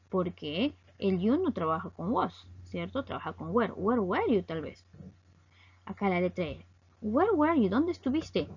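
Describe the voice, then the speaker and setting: A woman teaching English grammar step by step. She reads example sentences slowly and keeps checking in with her students. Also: medium pitch, slightly rough, lo-fi sound. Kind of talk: recorded classroom lesson explaining grammar.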